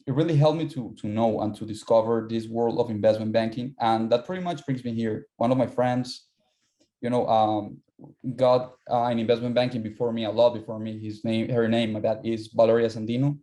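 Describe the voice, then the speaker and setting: This mellow-voiced young man is a Colombian finance student at university, a native Spanish speaker being casually interviewed. His medium pitch stays fairly even and his pace is a little fast. He often says things twice as he hunts for the right word.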